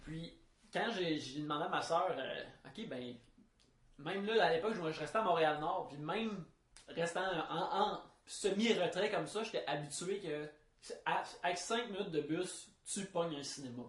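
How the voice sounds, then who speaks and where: A man's voice: a little high, normal speed. A man from Abitibi with a regional Quebec French accent, telling anecdotes in casual conversation. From Abitibi, Quebec, Canada. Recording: roomy, echoey room sound.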